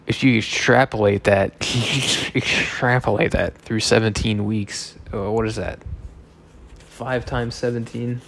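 Man, thirties, tipsy, rambling, swearing, jokey, lowish voice, faint hiss. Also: gravelly. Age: 30s. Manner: loose, joking, swearing, slightly slurred. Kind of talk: rambling casual monologue.

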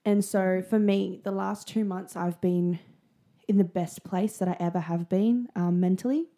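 A woman co-hosting a casual podcast chat, talking in an animated, chatty, sassy way with casual swearing. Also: on the low side, moderate pace. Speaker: podcast co-host.

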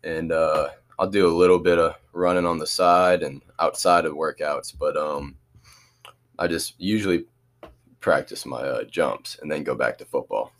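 A man's voice: very deep voice, fairly even intonation, moderate pace, a bit bright. A teenage boy athlete answering interview questions in an easygoing, hesitant way, with many restarts. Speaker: student athlete.

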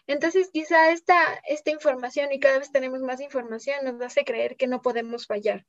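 A woman speaking as a guest on parenting, calmly explaining children's emotions in a soft voice that often trails off quietly. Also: high-pitched, dry recording. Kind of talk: calm explanatory talk. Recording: slightly dull lo-fi sound.

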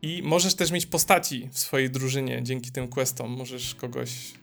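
A man's voice: medium pitch, normal speed, gravelly, faint music behind. A man co-hosting a podcast in casual chat, telling stories animatedly and swearing freely. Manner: animated storyteller, swears freely, many fillers. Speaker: podcast co-host.

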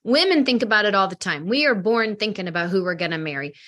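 A woman's voice: mid-range voice, fast talker. A middle-aged woman in an interview, telling client stories and acting out the dialogue with animation. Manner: animated, acts out quoted dialogue. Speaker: matchmaking company head. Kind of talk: interview storytelling.

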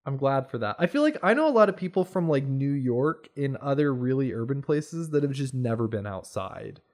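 A young man chatting casually on a podcast, telling stories in a rambling, animated way. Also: mid-range voice, fairly quick. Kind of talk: casual chat.

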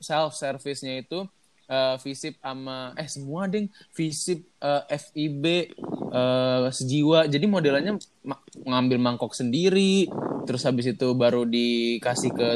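Animated young podcast host. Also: medium pitch, measured pace, background noise. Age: young adult. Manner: animated, exclaims a lot. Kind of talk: casual chat. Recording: crowd chatter behind.

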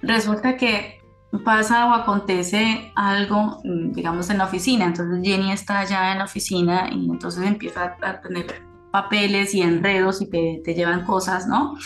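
A woman's voice: mid-range voice, fairly even intonation, moderate pace, a bit bright, faint music behind. A woman giving a spiritual teaching in a casual way, working through her thoughts and often checking in with tag questions. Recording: roomy echoey sound.

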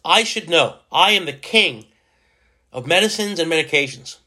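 A man's voice: a little high, expressive, normal speed, sharp tone. A man in his forties hosting a solo podcast, rambling and self-mocking as he jokes his way through his thoughts. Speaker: podcast host.

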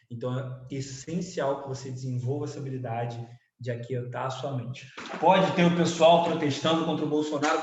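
A man with a Brazilian Portuguese accent and a rather high voice talks through a self-esteem lesson off the cuff, speaking directly to his viewers. His earnest explanations come through a live-stream setup and bounce around an echoey room. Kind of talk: unscripted live-stream lecture. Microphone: computer setup, live stream.

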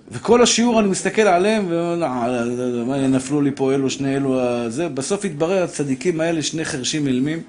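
A middle-aged man giving a lively Torah lesson, acting out voices in his stories and addressing his listeners fondly. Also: on the high side. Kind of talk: lively sermon with anecdotes.

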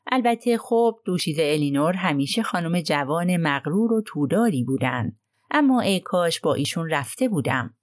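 A prim, self-righteous old housekeeper, as a woman reader puts her on airs her grievances in a low, dry voice. She sounds indignant and sure of her own virtue, an audiobook character heard close to the mic. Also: lively intonation, no room sound. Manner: indignant, aggrieved complaining.

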